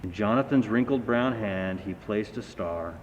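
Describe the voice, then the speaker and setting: A fire battalion chief reads a children's story aloud at normal speed, narrating dramatically and acting out the sounds and dialogue. The recording is in an echoey hall with dull sound and a faint rumble.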